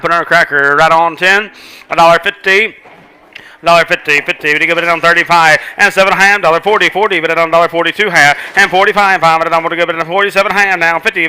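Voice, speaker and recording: A man's voice: on the high side, sharp tone, clean tone. A man working as a livestock auctioneer, calling bids in a rhythmic rolling chant that repeats numbers.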